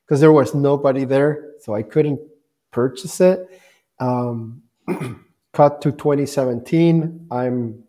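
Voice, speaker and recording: A man in his forties from Guatemala, a company founder speaking as a guest on a video call with an earphone mic, telling his story in a relaxed way with plenty of fillers. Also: mid-range voice. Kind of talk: conversational interview answers. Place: bright office room, indoors.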